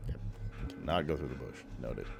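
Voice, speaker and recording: A man's voice: extremely low pitch, moderate pace, creaky. A man giving casual commentary as he plays a video game in a let's play. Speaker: let's player. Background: loud game music.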